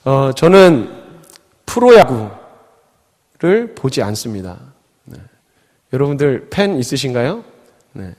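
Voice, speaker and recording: A man's voice: medium pitch, sing-song, slow pace, pauses often, darkish tone. A man giving a youth sermon in a church, chatty and full of fillers, telling stories and acting out the quotes. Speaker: youth pastor. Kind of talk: sermon with storytelling. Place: church sanctuary. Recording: long hall reverb.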